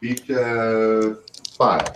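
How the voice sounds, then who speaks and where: Man, game master, slightly deep voice, improvised narration, tabletop role-playing. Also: extremely slow, roomy sound.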